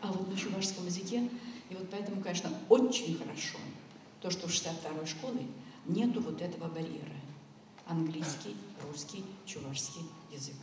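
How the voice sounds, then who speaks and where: This woman, a guest at a school commemoration, hails from Chuvashia, Russia, and her voice is lowish, a little quick, and somewhat dark. Her indoor speech on the hall stage is casual and sincere, meandering as she addresses listeners directly. A far-off mic catches heavy echo and faint noise.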